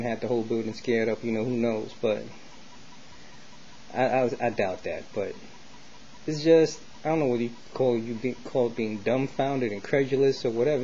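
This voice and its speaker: This is a mellow, medium-pitched American man vlogging casually and giving his opinions. He rambles, talks colloquially with street slang, and keeps repeating himself as he comes back around. The audio is dull and lo-fi, with faint noise.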